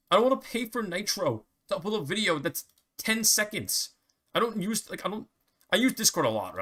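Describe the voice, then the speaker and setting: A man's voice: mid-range voice, a bit bright. A young man ranting casually to camera, swearing often and restarting his sentences. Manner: profane, rambling rant with many restarts. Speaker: vlogger.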